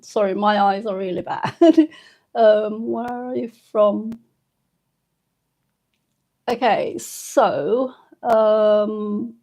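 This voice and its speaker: A British woman in her fifties hosts her channel's casual live stream in a slightly high voice. Emotional and a little tearful, she speaks softly and hesitantly, with lots of pauses and fillers.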